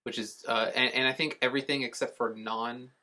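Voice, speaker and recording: A man's voice: medium pitch, fairly even intonation, brisk, sharp tone. A man co-hosting a podcast, explaining things in a casual, rambling way with offhand swearing. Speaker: podcast co-host. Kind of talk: casual chat.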